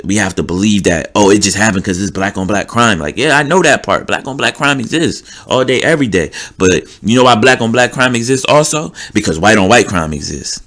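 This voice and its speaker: A young man with a New Jersey accent, hosting a podcast and ranting casually in a streetwise, rambling way. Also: on the low side. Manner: animated, streetwise, rambling with many fillers. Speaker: podcast host. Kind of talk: casual rant.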